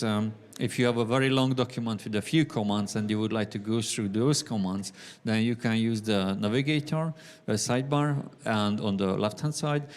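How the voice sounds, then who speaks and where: Male tech speaker, Hungarian accent, lowish pitch, halting delivery with mid-sentence pauses. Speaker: conference speaker. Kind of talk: technical presentation.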